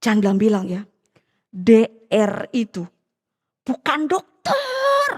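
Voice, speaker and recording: A woman's voice: a little high, huge pitch swings, slow pace, slightly rough, big-room sound, voice pushed down, exaggerated voice. A woman preacher voicing a sly, boastful former minibus driver with a Medan accent, exclaiming and whispering conspiratorially.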